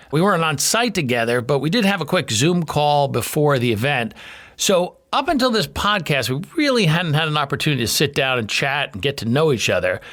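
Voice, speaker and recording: Playful, lively-voiced male podcast host. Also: a little high. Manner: playful, jokey and self-mocking. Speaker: podcast host, comedian and event MC. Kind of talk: scripted podcast introduction.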